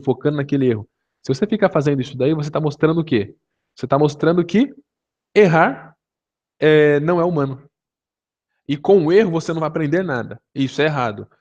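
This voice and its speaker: A man's voice: fairly high pitch, darkish tone. A man teaching English online in a casual, conversational way, full of fillers and rhetorical questions. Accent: Brazilian Portuguese. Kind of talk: online video lesson.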